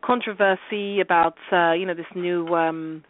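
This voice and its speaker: A woman hosting a casual radio chat, talking hesitantly with many pauses and "um"s. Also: fairly low pitch, fairly even intonation, dry recording. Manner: hesitant, many ums and restarts. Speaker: host. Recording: phone-like call-in audio.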